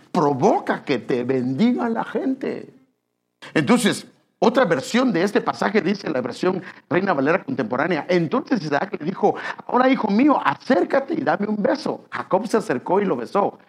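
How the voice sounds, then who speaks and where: A man whose voice is a little high and creaky, with a breathy edge, preaches a sermon. He talks in a chatty way, addressing the listeners as brother and asking them questions.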